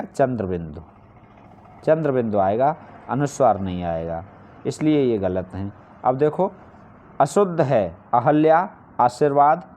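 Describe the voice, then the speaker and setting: A man's voice: medium pitch, a little mellow. A man teaching a Hindi spelling lesson, explaining each answer step by step and posing questions he then answers himself. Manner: repeats key points for emphasis. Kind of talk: online exam-prep lesson.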